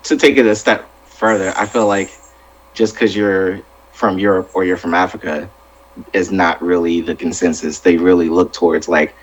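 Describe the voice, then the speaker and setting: A man on a casual culture podcast, telling an anecdote in a measured way to make his point. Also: low-pitched, flat delivery, muffled recording. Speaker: podcast co-host. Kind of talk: casual chat.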